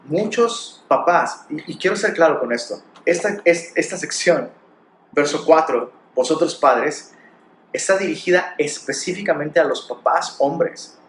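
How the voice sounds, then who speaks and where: A man's voice: fairly high pitch, expressive, measured pace, echoey room, a little hiss or hum. A man with a Mexican Spanish accent preaching a sermon, pressing his points with rhetorical questions and acted quotes. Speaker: pastor.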